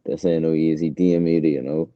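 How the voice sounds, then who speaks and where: A man's voice: rumbling low, little pitch movement, brisk, no room sound, dull audio. A man co-hosting a casual sports chat, brash and slangy, talking up his picks with swagger. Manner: brash, slangy trash talk. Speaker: co-host.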